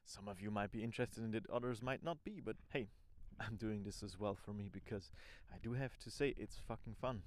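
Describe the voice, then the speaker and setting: A man's voice: lowish voice, a little fast, hardly any pauses. Casual man with a Swiss accent in English. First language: non-native English speaker. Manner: informal, rambling, thinking aloud. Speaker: amateur podcaster. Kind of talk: casual spoken audio diary.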